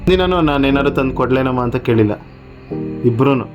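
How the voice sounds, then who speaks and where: A young Kannada-accented man talks casually through a helping vlog, his tone coaxing and comforting. His pitch sits in the middle of the range for a man, and music plays clearly under him throughout. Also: steady tone, quick pace. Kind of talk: casual vlog narration and chat.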